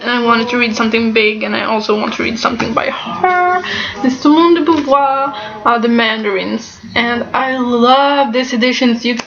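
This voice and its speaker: A woman chats casually and haltingly about her things, sounding nasal and stuffed up, as if with a broken nose. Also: on the high side, steady tone. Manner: halting, often breaking into small laughs. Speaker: book vlogger. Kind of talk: casual chatty book haul. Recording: slightly dull, lo-fi sound.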